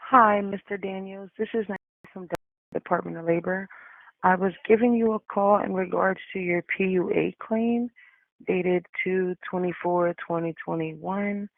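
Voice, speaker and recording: A woman's brisk, businesslike voice comes through a played-back voicemail, thin and tinny like a phone line. Her tone has a slight gravelly edge, and the sound is close and dry. She runs through a routine callback message. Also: on the low side, fairly even intonation, no room sound. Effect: voicemail played back over a phone. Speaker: government office caller.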